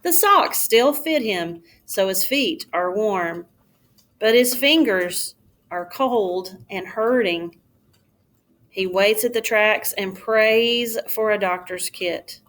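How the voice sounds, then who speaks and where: Like a schoolteacher, a woman with a mid-range voice reads a children's storybook aloud, carefully and expressively.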